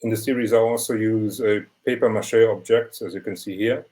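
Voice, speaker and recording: A young man presents his photography series in a measured, explanatory way. His voice sits fairly low. It comes through a video call. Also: fairly even intonation, warm tone, low-quality recording. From Germany. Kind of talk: online portfolio presentation.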